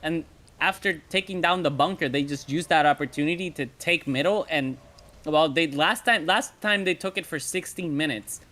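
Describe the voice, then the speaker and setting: A man with a bright, forceful, slightly high voice casts a live esports match. He gives brisk play-by-play calls and chuckles between them. His commentary stays quick and lively. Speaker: esports caster.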